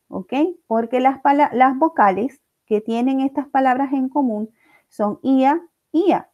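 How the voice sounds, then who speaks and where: Female teacher, high voice, patient, step-by-step recorded lesson, muffled lo-fi audio. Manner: explains step by step, checking in with "¿ok?" and "¿ya?". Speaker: language teacher. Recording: dull lo-fi recording.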